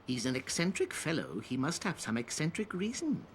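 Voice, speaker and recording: A man's voice: on the high side, huge pitch swings, moderate pace. An actor playing a talkative, teasing old cat man in a video game, with a theatrical, chiding, probing manner. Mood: wry, nonchalant. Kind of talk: English video game voice acting. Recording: clearly noisy game audio with ambience.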